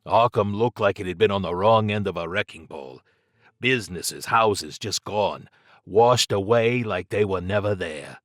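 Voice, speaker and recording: Here the thief, voiced by a male narrator in a low register and recorded close with no room sound, turns uneasy and confiding. He's still evasive and flippant, papering over his nerves with slangy bravado. The pace is unhurried and the tone slightly bright.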